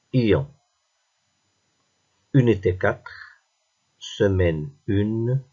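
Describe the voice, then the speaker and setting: Male teacher, slow and patient, sounds out each word for children, slightly husky. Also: low-pitched, dark tone, muffled recording. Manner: slow, patient, pronounces words one by one. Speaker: primary school teacher. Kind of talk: reading lesson for young pupils.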